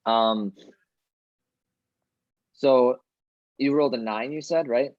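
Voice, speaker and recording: A man narrating as game master of a tabletop role-playing game, halting and full of fillers, with bouts of coughing. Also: mid-range voice, dry recording, highs cut off. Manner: halting, many fillers and restarts. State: coughing fits.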